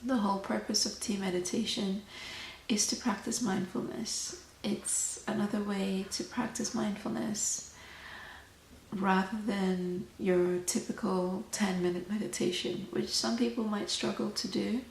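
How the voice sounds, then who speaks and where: Soft asmr lady chatting, gentle explainer, bit of vocal fry, echoey room. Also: medium pitch, steady tone, a little slow. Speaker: host of a tea meditation channel. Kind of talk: soft-spoken ASMR chat. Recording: roomy echo, faint background noise.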